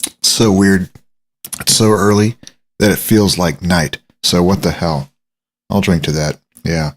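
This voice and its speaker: A man's voice: low-pitched, steady tone. A man hosting his solo podcast early in the morning, in a groggy morning voice, rambling and poking fun at himself. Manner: rambling, self-mocking, drawn-out asides. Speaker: podcast host. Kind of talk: casual solo podcast monologue. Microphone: studio microphone.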